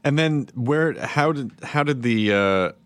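Curious host with a lively, up-and-down voice, recorded dry. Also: male voice, mid-range voice, unhurried, no echo. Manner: curious, asks follow-up questions. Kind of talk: casual interview chat.

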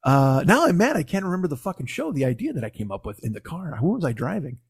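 A man hosting a podcast with a hoarse, gravelly voice as if gargling broken glass, ranting casually and comically with swearing and self-mockery. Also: fairly high pitch, sing-song, fast talker, dry recording, clean studio sound. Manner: ranting, foul-mouthed, self-deprecating. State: hoarse after losing voice. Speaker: podcast host. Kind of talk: casual comedic monologue.

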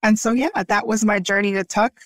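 A woman from Brooklyn, New York, whose first language is Haitian Creole, speaks as a startup founder guest in a conversational interview. She is earnest and reflective, often laughing lightly, with a mid-range voice, fairly even intonation and a slightly fast pace. The sound is studio quality with no echo.

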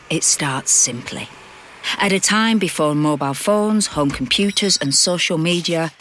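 A woman giving scripted documentary narration in a measured, deliberate way. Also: sits low, fairly bright tone, dry recording, clean studio sound.

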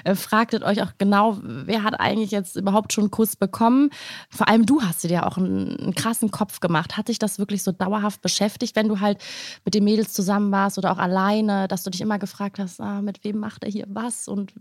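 A chatty woman hosts a casual talk about a dating show. She asks long, winding questions at a mid pitch, and her voice sounds dry and close to the mic. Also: fairly even intonation, fast, dry recording. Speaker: host. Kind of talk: casual chat.

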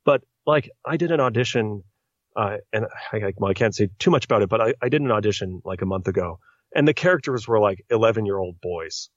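On a casual podcast, a male voice actor appears as a guest and talks earnestly and at length, explaining things in detail. His voice is fairly low, animated and fast, and the recording is dry, muffled and lo-fi.

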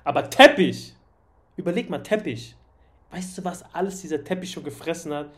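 A man co-hosting a podcast, chatting casually, agreeable and animated when retelling stories. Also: on the high side, moderate pace. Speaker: podcast co-host.

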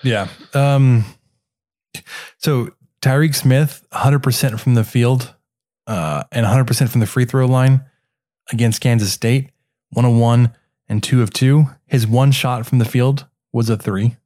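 A man co-hosting a sports podcast, going through stats casually with halting pauses. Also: mid-range voice, steady tone, warm tone.

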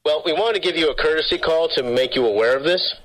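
A man's voice: on the high side, fast, fairly bright tone. A man posing as a phone company caller, speaking in a scripted, repetitive sales-call manner over a garbled phone line that keeps breaking up.

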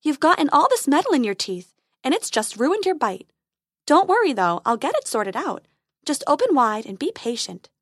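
A woman voicing a cheerful female tooth fairy dentist who talks in a brisk, chirpy way. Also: high voice, big pitch swings, no echo, clean studio sound, voice pushed up. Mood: bossy.

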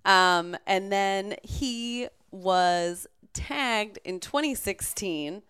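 Clear-voiced woman scientist, chatty. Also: medium pitch, very slow, a bit bright. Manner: chatty, laughs easily, many fillers. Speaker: shark research scientist. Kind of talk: casual interview answers.

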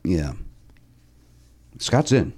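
A man's voice: low-pitched, big pitch swings, extremely slow, warm tone, slightly rough. A man hosting a comedy podcast quiz, chatting casually and stumbling as he rereads questions. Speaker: podcast host, quizmaster.

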